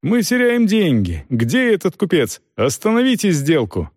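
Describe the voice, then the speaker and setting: Guy doing a frantic captain, high squeaky shouting, dry close sound. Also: wildly swooping pitch, normal speed, husky, no echo, exaggerated voice. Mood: pleading. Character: frantic barefoot mercenary captain, shrill and outraged. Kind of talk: audiobook character voice.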